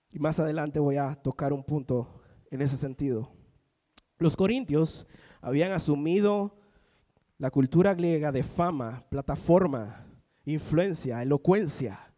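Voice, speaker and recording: A man's voice: on the high side, mellow. A young man, preaching a sermon as a pastor, building emphasis and acting out the voices he quotes. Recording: long hall reverb from a church.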